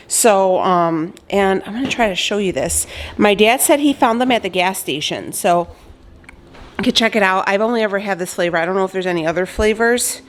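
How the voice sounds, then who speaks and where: A young woman vlogger chatting loosely as she cooks in her home kitchen, filling her talk with "like" and "um", recorded by a camera on a tripod. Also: mid-range voice. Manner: chatty, loose, lots of fillers. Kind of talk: casual chat while cooking.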